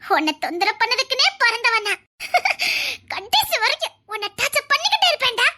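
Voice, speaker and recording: A woman's voice: very high voice, moderate pace, sharp tone. A woman with a Tirunelveli Tamil accent playing a stubborn, devoted young woman in a comedy skit, pleading and teasing. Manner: tearful pleading turning to playful teasing. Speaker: lead character in a comedy skit. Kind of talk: melodramatic skit acting.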